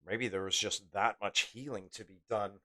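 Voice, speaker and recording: Bright-voiced man streaming gameplay. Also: fairly low pitch, steady tone, normal speed. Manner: rambling, chatty, play-by-play asides. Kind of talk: casual live gameplay commentary.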